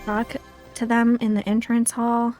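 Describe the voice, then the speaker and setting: With soft music playing behind her, a woman from the United States chats casually on her game livestream, offering gameplay commentary and self-deprecating thoughts aloud. Her fairly high, darkish voice comes out completely flat and a little slow.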